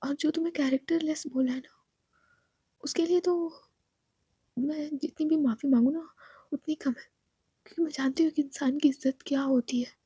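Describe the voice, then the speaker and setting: Woman doing a young female boss, stern yet remorseful, hushed and pleading, high voice, dry close sound. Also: fairly even intonation, normal speed, long pauses, dry recording, lightly acted. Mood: apologetic.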